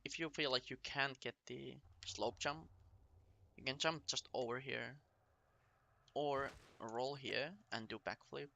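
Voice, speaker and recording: A man's voice: mid-range voice, steady tone, a little slow, creaky, pushed and bright. A man speaking as a speedrunner, giving a casual route tutorial in short, step-by-step instructional phrases. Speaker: speedrunner explaining a game route to viewers.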